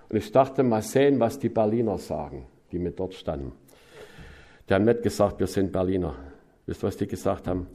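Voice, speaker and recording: A middle-aged man from Saxony, reporting on mission work to a congregation in a folksy way, tagging on questions often and swinging between loud emphasis and soft asides. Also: on the low side. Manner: folksy, with frequent tag questions. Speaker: missionary preacher.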